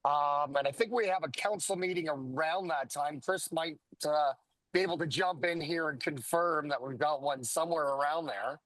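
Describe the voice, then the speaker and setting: A man's voice: on the high side, moderate pace, no room sound, rough recording. A man who is a councillor, speaking casually in a meeting on a hands-free call while driving his car. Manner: relaxed and conversational, with frequent fillers. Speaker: county councillor. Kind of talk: casual remarks in a video meeting.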